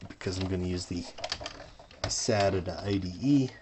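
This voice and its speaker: A man's voice: low-pitched, normal speed, noisy background. A man casually narrating his hobby electronics work in a dry, sarcastic way, talking to himself as he tinkers at a home workbench. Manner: dry, sarcastic, muttering to himself while working. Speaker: hobbyist modder.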